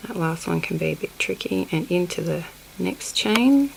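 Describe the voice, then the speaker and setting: Expressive and at a moderate pace, a woman with a fairly low, gravelly voice and a sniffly cold demonstrates a crochet technique in a hands-on tutorial with close-ups of her hands. She counts stitches under her breath and slips in apologies, over slight background noise in a low-quality recording.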